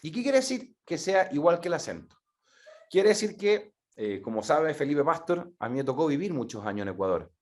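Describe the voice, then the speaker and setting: Middle-aged Chilean male speaker, lively talk to an audience, slightly high pitch. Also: moderate pace. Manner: animated, repeats words for emphasis. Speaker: speaker presenting a methodology.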